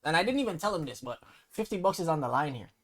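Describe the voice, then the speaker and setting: A man's voice: fairly high pitch, big pitch swings, fast. A young man with a Toronto accent hosts a casual, bantering quiz, teasing in easy slang. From Toronto, Canada. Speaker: host quizzing his cousin on slang.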